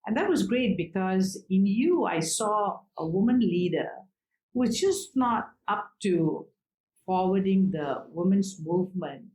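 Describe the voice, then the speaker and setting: A middle-aged woman, hosting an interview in an earnest, measured way. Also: on the low side, darkish tone, roomy sound, rough recording. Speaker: host.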